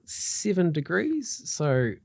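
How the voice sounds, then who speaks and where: A middle-aged New Zealand man, appearing as a guest mortgage broker on a podcast, chats casually in an upbeat, loose way full of fillers and restarts. His voice is high-pitched and sing-song with vocal fry, a little mellow and slow, his throat slightly tickly, with no echo.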